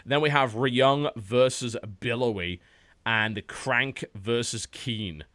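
Bright, energetic British man casting esports. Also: mid-range voice. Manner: energetic, quick, hyped about matchups. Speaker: esports caster and show host. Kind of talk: post-match commentary wrap-up.

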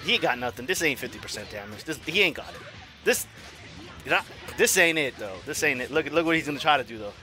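A man giving live commentary on his own fighting game match, excitable, swearing and trash-talking. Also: fairly high pitch, fast, soft background music. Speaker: gaming streamer.

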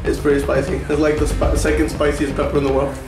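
Fairly high-voiced man in an echoey room. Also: monotone, quick pace. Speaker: host filming a challenge. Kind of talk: casual, slangy chat. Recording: echoey room with loud music over the voice.

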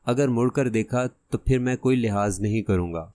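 A man voicing a cunning masked gunman in an audiobook who gives hushed, threatening orders. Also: mid-range voice, no room sound, natural voice. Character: menacing masked male gunman, cunning and cold.

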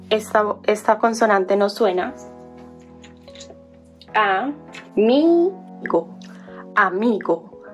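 Woman patiently spelling out syllables. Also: medium pitch. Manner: patient, spelling out sounds slowly. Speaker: language teacher. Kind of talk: explaining on a whiteboard.

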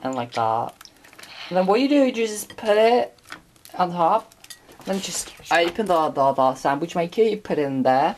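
Her voice sits on the low side and sounds a little mellow, moving at a moderate pace with lively intonation. The young woman rambles to her pet bird while preparing lunch in a small home kitchen, recording a casual vlog on a handheld camera with noisy sound.

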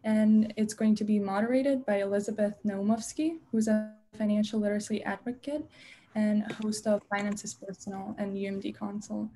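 A woman's voice: medium pitch, steady tone, moderate pace, dark tone. A young woman with a Macedonian accent hosting an online event over a video call, making prepared announcements. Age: young adult. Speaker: webinar host.

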